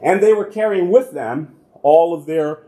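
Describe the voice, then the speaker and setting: This American church archivist, a man, gives a congregation a relaxed, conversational lecture on local history, often asking a question and then answering it himself. His voice is a little high for a man and his pace a little slow. The roomy echo of a large church hall fills the recording.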